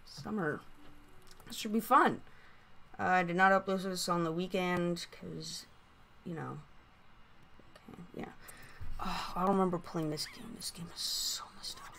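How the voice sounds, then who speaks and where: A woman giving casual, rambling gameplay commentary through a voice changer, halting and prone to excited exclamations. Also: medium pitch, gravelly. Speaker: gaming video host.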